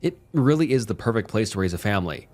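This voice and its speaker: A man voicing a cheerful, overly sweet young pregnant neighbor woman in a horror story, pitched up and sing-song. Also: expressive, fast, a little mellow, close to an everyday voice.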